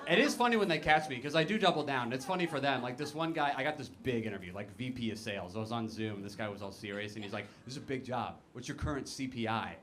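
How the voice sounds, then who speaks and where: A man's voice: mid-range voice, animated, fast talker, few pauses, fairly bright tone, a little hiss or hum. A man performing a self-deprecating stand-up comedy set, telling stories and acting out other people's lines. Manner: self-deprecating storytelling with acted-out quotes. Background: audience laughter.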